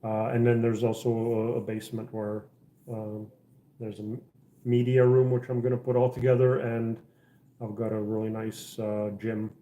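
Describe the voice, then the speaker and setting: A man's voice: lowish voice, little pitch movement, moderate pace, mellow, roomy sound, lo-fi sound. A middle-aged man from the Czech Republic hosting a casual livestream chat, rambling with lots of fillers and restarts. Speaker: livestream host. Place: house interior.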